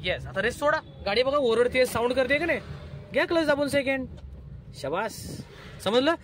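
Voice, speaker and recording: High-voiced driving instructor. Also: male voice, expressive, a bit bright, a little hiss or hum. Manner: instructive, repeats steps, brisk commands. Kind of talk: in-car driving lesson vlog. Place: inside a car in city traffic.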